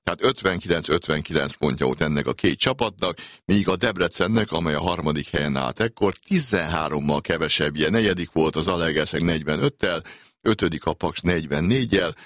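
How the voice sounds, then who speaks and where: A man's voice: extremely low pitch, a bit bright, no room sound, clean studio sound. A man reading a scripted football season recap as a voice-over. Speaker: sports narrator.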